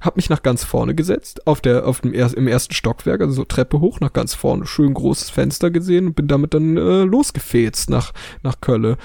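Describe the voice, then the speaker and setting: A man co-hosting a podcast, telling a story in a casual way and acting out the dialogue with lively voices. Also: medium pitch, moderate pace, vocal fry, hardly any pauses, slightly rough, dry recording, clean studio sound. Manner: animated storyteller who acts out dialogue. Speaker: podcast co-host.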